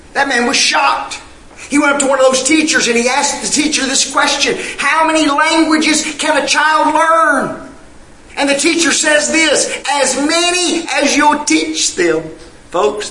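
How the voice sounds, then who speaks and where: A very high-pitched man preaches with a bright, forceful tone in a rough, reverberant recording. Rhetorical questions drive his emphatic sermon, and the scripture he reads comes in King James phrasing.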